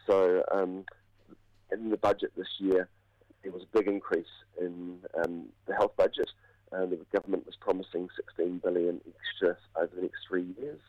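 A man, croaky from a cold, giving measured, halting analysis as a commentator in a radio interview. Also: low-pitched, fairly even intonation, no echo. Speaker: political commentator, university academic. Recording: dull, band-limited radio audio.

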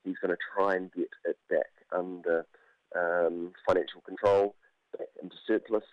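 A New man with a low voice, croaky from a cold, explains politics in a radio interview. He is measured and halting, picking through his points. The audio is dry and somewhat dull. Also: level tone, no room sound. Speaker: political commentator, university academic. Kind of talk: spoken analysis in a radio interview.

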